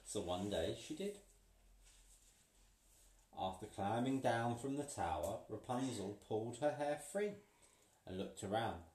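A man's voice: fairly low pitch, lively intonation, a little mellow. Man reading a storybook playfully. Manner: playful, pauses for the child to fill in words. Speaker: parent reading to a child. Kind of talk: reading a picture book aloud. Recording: roomy, from a distance.

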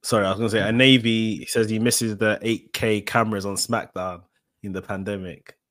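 A man's voice: on the low side, steady tone, moderate pace, a bit bright, no room sound. A man, chatting casually as a co-host. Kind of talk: casual chat about wrestling on a live show.

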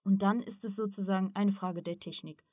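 A calm, learned male mentor, read by a woman narrating an audiobook explains things patiently in a steady, mid-pitched voice. The sound is dry and close. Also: brisk, no room sound, lightly acted. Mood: explaining.

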